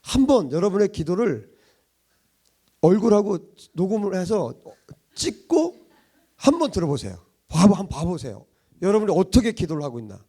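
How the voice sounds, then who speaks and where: Husky, lively-voiced man preaching. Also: high-pitched, moderate pace. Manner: conversational, animated, chuckling, many rhetorical questions. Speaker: pastor. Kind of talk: sermon.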